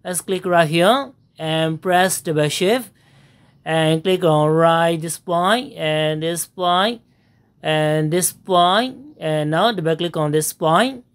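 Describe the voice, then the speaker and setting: The voice-over for this screen-recorded software tutorial belongs to a lowish-voiced woman. She works slowly through the steps, hesitating with uhs and pausing frequently.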